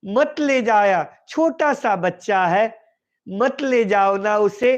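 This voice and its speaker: A man's voice: sits high, slow, highs cut off, voice pushed down. A man voicing Yashoda, a loving, anxious mother, who pleads with tearful repetitions.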